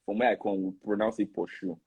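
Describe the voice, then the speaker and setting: A man hosting a casual live discussion, animated and often restarting his sentences. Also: mid-range voice, moderate pace, rough recording. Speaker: host.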